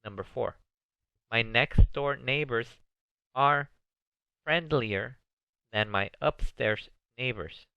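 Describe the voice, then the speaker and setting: Slow, clear-voiced male teacher. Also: medium pitch, pushed and bright, no echo. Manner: slow, deliberate reading of English sentences with Spanish explanations. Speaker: ESL teacher. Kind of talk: recorded video lesson on comparative adjectives. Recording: dull, dry lo-fi sound.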